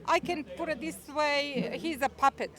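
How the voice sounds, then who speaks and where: An older woman at an outdoor rally, speaking emphatic, halting non-native English in a street interview. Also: high voice. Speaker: rally attendee. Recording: loud crowd noise around. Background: crowd.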